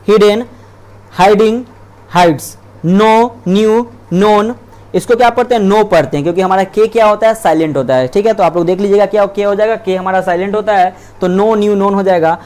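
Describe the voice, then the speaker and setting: A young man with a high-pitched voice leads an online grammar lesson. He reads verb forms aloud in lists, repeating words, correcting his own slips and checking in with his listeners. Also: darkish tone. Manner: keeps checking in with "theek hai". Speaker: English grammar teacher.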